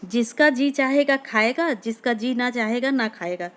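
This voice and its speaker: A weary, resigned middle-aged village aunt, as a woman reader puts her on, giving tired, curt replies. Her voice sits a little high. This is a storybook reading. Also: normal speed, close to an everyday voice.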